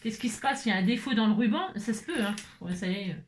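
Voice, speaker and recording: A woman's voice: medium pitch, animated, fast talker. A woman hosting a casual crafting tutorial, chatty and exasperated, constantly adding "hein". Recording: echoey room, faint noise.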